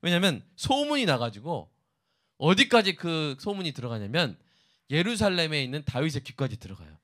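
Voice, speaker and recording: Male pastor, sermon delivery, higher-pitched, animated storytelling with sudden loud emphasis. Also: fairly quick.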